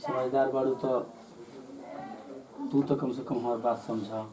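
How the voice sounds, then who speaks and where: A young man with a Bhojpuri accent talks in a coaxing, pleading way, his voice pitched in the middle range for a man. He is recorded outdoors in a village, and the chatter of a crowd carries behind him. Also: level tone, a little slow, far from the mic. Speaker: husband leaving for work. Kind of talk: village comedy sketch dialogue.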